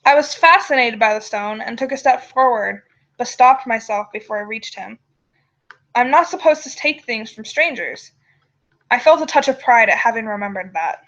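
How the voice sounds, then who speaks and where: A woman's voice: a little high, normal speed, a bit bright. A woman storyteller reading a first-person tale aloud on a dull, lo-fi microphone. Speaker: storyteller and show host.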